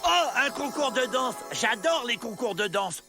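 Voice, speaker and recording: A man's voice: very high-pitched, sing-song, creaky, over music, full character voice. A man voicing a tall, dim-witted, cheerful outlaw in a cartoon. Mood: goofy. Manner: slow, goofy, naive.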